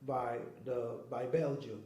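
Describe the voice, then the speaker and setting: Slow and warm, this medium-pitched male voice keeps a fairly even intonation. The interviewee, from Kinshasa in Congo, explains his points earnestly and often checks understanding with "okay?" and "you know what I mean?", all in an echoey space.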